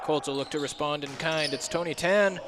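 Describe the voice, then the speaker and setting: Higher-voiced male volleyball commentator. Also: level tone, quick pace. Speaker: play-by-play commentator. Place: courtside in a gym. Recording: clear background gym noise.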